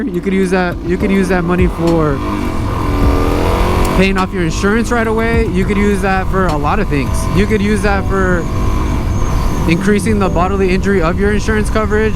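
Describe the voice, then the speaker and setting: A man giving casual advice to viewers as a motovlogger, speaking from inside a helmet as they ride, often repeating phrases for emphasis. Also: fairly high pitch. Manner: speaking inside a motorcycle helmet while riding. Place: outdoors on a motorcycle, inside a helmet. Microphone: mic inside helmet. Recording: helmet mic with clear road and engine noise. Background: motorcycle and traffic noise.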